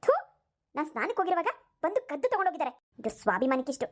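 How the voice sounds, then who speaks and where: A woman's voice: sits high, sing-song, very fast. A woman voicing a vain, quarrelsome young daughter-in-law in a cartoon. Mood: indignant. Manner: accusing, indignant. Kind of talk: cartoon voice acting.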